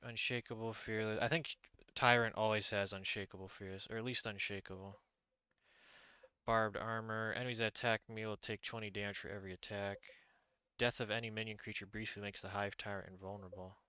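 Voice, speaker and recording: A man streamer casually commenting on his gameplay, thinking out loud and reading in-game text aloud. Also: fairly low pitch, flat delivery, a little fast, clean tone, no room sound, lo-fi sound. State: hiccuping.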